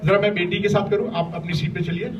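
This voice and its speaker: Running an interactive lesson for school students, this male workshop facilitator talks fast in a high, flat voice. Frequent check-ins with the class and plenty of praise mark his style, captured on a distant, dull mic with faint room noise.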